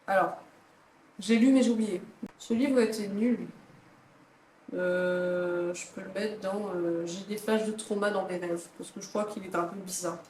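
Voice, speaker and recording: A woman's voice: mid-range voice, fairly even intonation, a little slow, a little mellow, a little hiss or hum. A young woman chatting casually as a book vlogger, ranking novels with dramatic reactions. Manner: chatty, dramatic reactions, reads blurbs aloud. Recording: echoey room, faint ambience.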